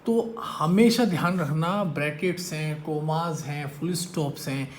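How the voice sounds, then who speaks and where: A man's voice: on the high side, a little slow. Male maths teacher, classroom lecture, teasing and questioning students, faint background hiss.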